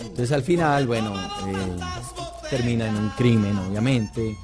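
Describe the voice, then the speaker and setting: A man's voice: lowish voice, a little slow, music in the background. A man, a guest actor chatting casually on a radio show and telling stories in a laid-back, joking way.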